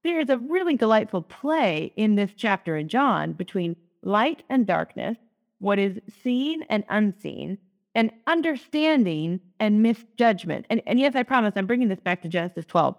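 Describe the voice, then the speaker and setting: A woman's voice: medium pitch, animated, normal speed. A woman co-hosting a lectionary podcast, talking in a chatty, teacherly way. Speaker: podcast co-host, Lutheran. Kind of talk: casual lectionary podcast chat.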